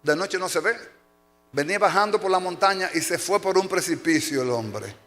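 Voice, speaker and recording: Animated pastor preaching in a hall. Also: male voice, high voice, normal speed. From Dominican Republic. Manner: animated storytelling, acting out shouts and cries. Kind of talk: sermon. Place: church sanctuary. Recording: long hall reverb.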